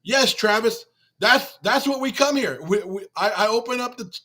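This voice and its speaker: High-voiced man ranting on a livestream. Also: moderate pace, pushed and bright. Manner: emotional, repetitive, talking it through with chat. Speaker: fan channel host on a livestream. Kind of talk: livestream postgame rant.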